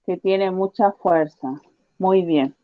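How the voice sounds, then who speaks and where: A woman teacher giving a science lesson to children, patiently repeating her questions and slowly spelling out each point. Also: on the low side, no room sound, phone-quality sound. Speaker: primary school teacher.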